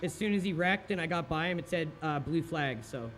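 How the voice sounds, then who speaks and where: A man's voice: on the high side, a little fast, music in the background. A man who is a sim racing driver, chatting casually with his team as a car engine runs behind him. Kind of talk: casual team radio chat. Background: race car engine noise.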